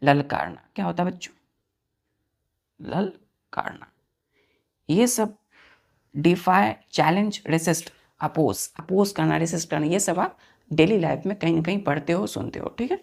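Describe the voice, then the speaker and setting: Slow, gravelly woman teacher. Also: lowish voice, a little mellow. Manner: spells words letter by letter, asks the class. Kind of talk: vocabulary lesson.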